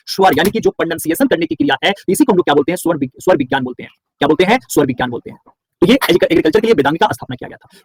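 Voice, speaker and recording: This time the Bihari teacher's voice is a little high and slightly rough, with no echo. In his online lecture he quizzes students and supplies each answer himself, stressing points by repeating words.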